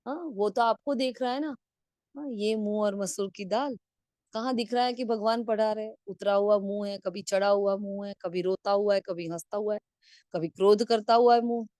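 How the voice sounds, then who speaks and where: A woman's voice: mid-range voice, fairly even intonation, moderate pace, darkish tone, no room sound, studio quality. A woman giving a spiritual discourse on a video call, asking rhetorical questions and checking in with frequent tag questions. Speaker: spiritual class teacher.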